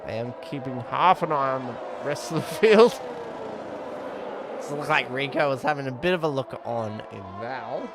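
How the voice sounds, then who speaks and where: A man's voice: medium pitch, animated, moderate pace, noisy background. A man giving casual, rambling live commentary on a sim race, often correcting himself.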